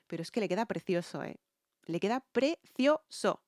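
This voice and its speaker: A woman's voice: mid-range voice, lively intonation, normal speed. A young Spanish woman with an accent from Spain, a singer chatting through a song reaction and analysing the vocals, checking in with her viewers.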